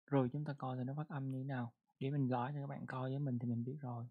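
An English pronunciation teacher in a casual online lesson, who repeats words and reads English example sentences slowly. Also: medium pitch, level tone, husky, phone-quality sound.

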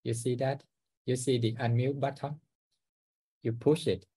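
A man's voice: medium pitch, fairly even intonation, a little slow, mellow, slightly rough. A man repeatedly guiding someone through a phone setting on a video call. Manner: instructive, repetitive. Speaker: helper giving tech instructions.

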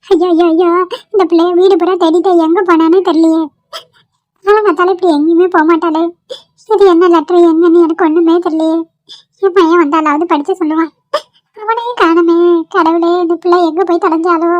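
A fretful old grandmother, voiced by a woman wails and pleads in a high, thin voice. This is a homemade cartoon with dry, close audio. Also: fairly even intonation, a little fast, a little mellow, no room sound. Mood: wailing. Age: older. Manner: wailing, pleading, high-pitched. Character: fretful elderly grandmother, weepy yet kindly. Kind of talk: amateur cartoon voice acting.

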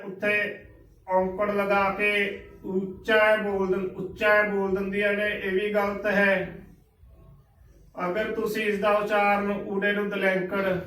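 A high-voiced man with a Punjabi accent gives a slow, careful pronunciation lesson, spelling each word out and repeating it. His delivery stays level and even in pitch, and his voice rings a little in an echoey room, a bit away from the mic. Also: far from the mic. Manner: patient, spells words letter by letter and repeats the correct form. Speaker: Gurbani pronunciation teacher. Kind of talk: recorded instructional lesson.

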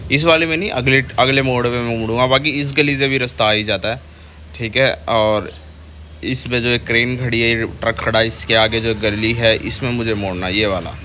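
A man's voice: medium pitch, pushed and bright. A young man, chatting casually to viewers as he rides a motorbike through city traffic and points out the sights. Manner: chatty, points things out to viewers while riding. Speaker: vlogger. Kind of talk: casual motovlog narration. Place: on a motorbike on city roads outdoors. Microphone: helmet or chest camera mic while riding. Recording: wind and traffic noise. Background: engine and traffic noise.

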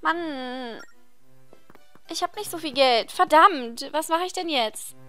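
A woman's voice: sits high, normal speed, a bit bright, soft background music. A woman playing a video game and commenting casually, reading the game text aloud in a chatty, easily frustrated way. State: tired voice. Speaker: let's play host.

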